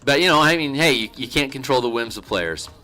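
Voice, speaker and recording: A man's voice: medium pitch, animated, fairly quick, pushed and bright, soft background music. A man streaming his artwork, chatting casually and murmuring instructions to himself as he works, with chatty asides and frequent restarts. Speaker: artist streaming his work. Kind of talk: casual livestream chat while painting.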